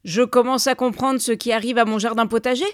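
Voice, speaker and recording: A woman voicing a sly neighbor man in a folk tale who shouts with fake outrage. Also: on the high side, fairly even intonation, a little fast, no room sound, clean studio sound, close to an everyday voice. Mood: mock-furious.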